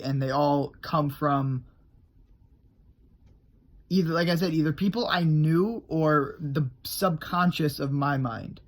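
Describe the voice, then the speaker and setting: Rambling male vlogger with a slightly high voice, casual, explaining his craft. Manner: loose and rambling, trailing off and restarting. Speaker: character creator on his own channel.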